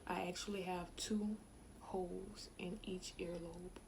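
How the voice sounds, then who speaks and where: A young woman in her twenties rambles on to her camera at home, chatty and full of asides. Her voice sits fairly low. The home video recording has a clear hiss of noise behind her. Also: little pitch movement, unhurried. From Louisiana, USA. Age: 20s. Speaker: vlogger. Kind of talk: casual talk to camera. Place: home, indoors.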